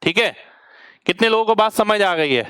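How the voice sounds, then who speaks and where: High, smooth-voiced male maths teacher. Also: animated, normal speed, bright, forceful tone, no echo, clean studio sound. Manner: patient step-by-step explaining, often asks students to reply. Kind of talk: online exam-prep lecture.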